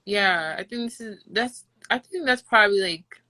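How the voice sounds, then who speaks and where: A woman's voice: mid-range voice, normal speed, sharp tone, no echo, poor audio. A young woman from Haiti in casual chat, speaking bluntly with some swearing and frequent laughter.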